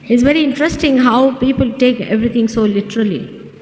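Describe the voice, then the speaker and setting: A woman, a spiritual teacher giving a measured lecture and explaining words one by one, heard in an old archival recording. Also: fairly high pitch, darkish tone. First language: not English. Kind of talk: slow spiritual lecture to an audience. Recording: old echoey hall recording with faint hiss.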